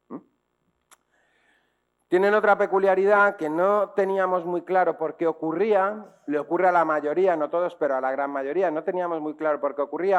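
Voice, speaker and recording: A man's voice: on the high side, dull audio. A man with a Spanish accent from Spain giving a public talk to teachers and parents, explaining in a didactic way and often checking in with rhetorical questions. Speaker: speaker on dyslexia.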